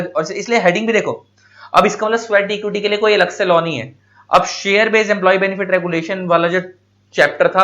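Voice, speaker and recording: A man's voice: a little high, fairly bright tone, highs cut off. Hindi-speaking male teacher, quizzing his class. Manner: asks questions and answers them himself; repeats key points, addresses students as beta. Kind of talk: classroom lecture.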